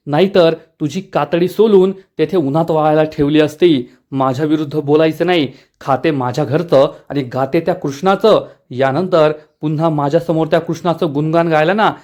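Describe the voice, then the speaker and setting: A man's voice: a little high, a little mellow, lightly acted. A man voicing a spiteful, harsh middle-aged mother. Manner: harsh, gloating.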